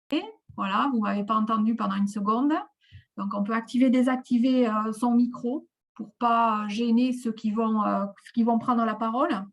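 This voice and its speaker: Woman presenter over a video call, a touch high-pitched, talks through instructions with lots of "um" pauses. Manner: hesitant, many fillers and restarts. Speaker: webinar presenter. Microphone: video call microphone.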